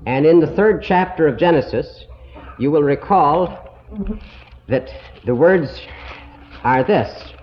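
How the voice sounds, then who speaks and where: Man on an old lo-fi tape, slow deliberate Bible teacher, fairly high and animated pitch. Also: slight background noise. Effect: old lo-fi recording. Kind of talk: Bible lesson to a congregation. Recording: dull, muffled old tape recording.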